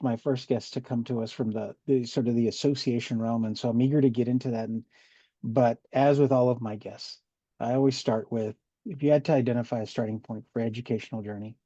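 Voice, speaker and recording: Rambling man host, dark dull sound. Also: medium pitch, no room sound. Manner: rambling, halting with repeated words. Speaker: podcast host. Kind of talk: casual interview. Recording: dull, dry lo-fi recording.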